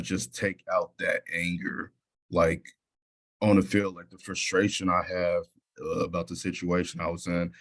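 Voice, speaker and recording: A young man sharing a personal story in a presentation, talking casually with many fillers and restarts. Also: low-pitched. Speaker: youth leader presenter.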